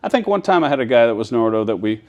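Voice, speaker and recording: The sound is lo-fi as a man at medium pitch races through his explanation with big swings in pitch. He is an air traffic controller in an airport control tower, describing the work casually and plainly, step by step, and repeatedly checking that he's being followed.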